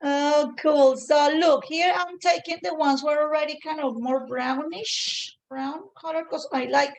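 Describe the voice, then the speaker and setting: A woman with a distinctly high voice and a Colombian accent, a native Spanish speaker. She walks through a home cooking demonstration in a chatty, informal way, often repeating a phrase to stress it. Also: fairly even intonation, measured pace, gravelly, low-quality recording. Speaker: cooking show host, home cook. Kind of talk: casual cooking demonstration chat.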